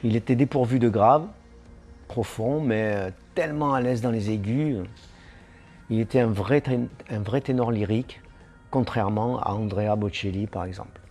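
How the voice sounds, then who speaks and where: A man's voice: on the low side, normal speed, a little mellow, soft background music. A man giving a singing lesson, explaining vocal technique step by step and tagging his points with little asides. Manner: explanatory, with frequent "hein" tags. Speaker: singing teacher.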